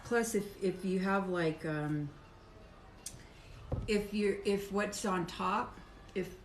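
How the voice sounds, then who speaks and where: A woman's voice: mid-range voice, slow. A middle-aged woman chatting casually on a live stream while she cuts soap, rambling and talking between bites. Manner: chatty, rambling, talks while chewing and working. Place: home soap workshop. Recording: echoey room with clear background noise.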